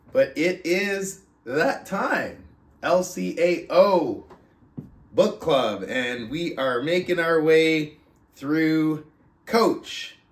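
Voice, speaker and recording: Hosting a book club podcast, a man whose voice sits a bit higher than most speaks deliberately, pausing and stretching words for emphasis as he chats casually and reads a book aloud. The recording is noticeably echoey, the room clearly audible around him.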